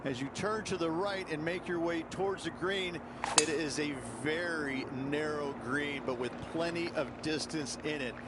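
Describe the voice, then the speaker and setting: A man's voice: on the high side, moderate pace, very noisy. A man giving instructive golf course analysis as game commentary, speaking directly to the player. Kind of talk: sports commentary in a video game. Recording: loud outdoor ambience behind commentary. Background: loud outdoor ambience.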